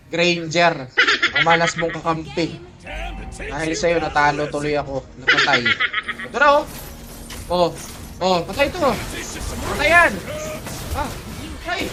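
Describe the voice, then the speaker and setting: A man from the Philippines giving casual, excitable gameplay commentary, teasing teammates and laughing often, his voice jumping high. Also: unhurried. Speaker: mobile game streamer. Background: game music.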